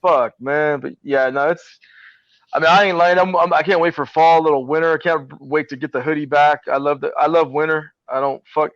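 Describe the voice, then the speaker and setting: A man's voice: a little high, steady tone, brisk, a bit bright, no room sound, muffled recording. A man hosting a casual podcast, telling stories in a laid-back, profane way and laughing as he goes. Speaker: podcast host.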